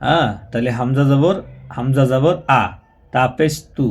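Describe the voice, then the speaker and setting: A man teaching Quran reading. He spells out syllables slowly and patiently, repeating them and drawing them out as he demonstrates. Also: mid-range voice, darkish tone. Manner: patient, repetitive, slows down and draws out syllables when demonstrating. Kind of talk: spoken tutorial, spelling out and chanting syllables.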